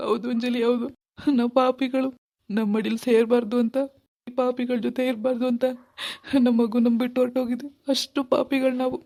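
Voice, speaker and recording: Woman doing a deep-voiced meek village husband. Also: little pitch movement, warm tone, close to an everyday voice. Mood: remorseful. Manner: slow, soothing, repeats himself.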